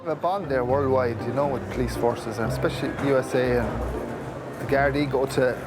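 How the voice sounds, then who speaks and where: A man's voice: mid-range voice, normal speed. An Irish man speaking as a border officer, courteous and procedural, in short routine phrases and plain explanations. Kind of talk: border officer talk, brief routine questions and explanations to camera. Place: airport passport control desk. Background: loud music.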